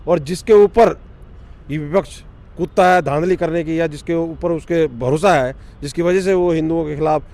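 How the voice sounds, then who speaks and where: A man's voice: on the high side, moderate pace, vocal fry, a little mellow. A male reporter prompting interviewees on the street, murmuring agreement between questions.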